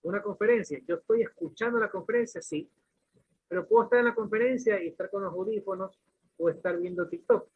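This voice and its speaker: On a lo-fi, phone-like recording, a man with a high, slightly rough voice gives a fairly quick classroom lecture. He explains points through questions and everyday examples, often restarting his sentences.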